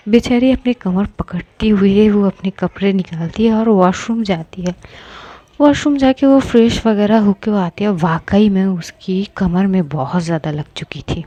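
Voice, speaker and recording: Mellow-voiced woman telling a story. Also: medium pitch. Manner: conversational, colloquial, dramatizing. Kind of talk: casual storytelling narration.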